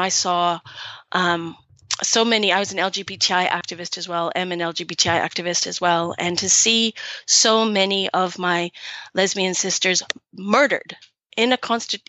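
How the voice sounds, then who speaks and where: Earnest American woman, bright and tense. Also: fairly low pitch, fairly even intonation, normal speed, no echo, dull audio. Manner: earnest, emphatic, with frequent fillers and restarts. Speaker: guest, activist. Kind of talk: interview conversation.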